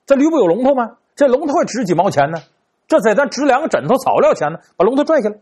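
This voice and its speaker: A man's voice: extremely high pitch, sing-song, fast, a little mellow, breathy edge, pitched above the performer's own voice, heavily acted. A man doing a stingy scheming husband.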